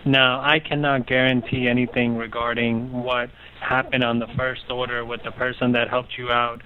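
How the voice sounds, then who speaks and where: A man's voice: mid-range voice, little pitch movement, normal speed. A man working as a customer service agent, speaking politely and hesitantly over the phone, with many ums and calling the caller sir. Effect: heard over the phone. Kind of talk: phone support call. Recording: tinny phone line.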